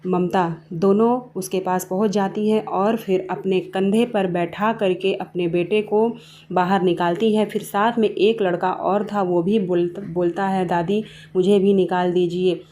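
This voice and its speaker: A woman's voice: medium pitch, fairly even intonation, measured pace, dark tone, a little hiss or hum. A woman narrating a family moral story in a plain, simple storytelling way.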